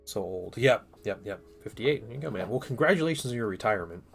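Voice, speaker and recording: A gravelly man in his thirties streams live as a miniature painter, talking casually over faint background music. His voice is fairly low but lively, and he speaks quickly, rambling a bit while he reads viewer comments aloud and works on his models.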